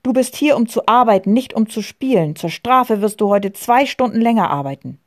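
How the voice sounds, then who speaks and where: A woman's voice: on the high side, animated, moderate pace, voice pushed up. A woman voicing a harsh, scolding man who works as a gardener. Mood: angry. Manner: shouting, scolding.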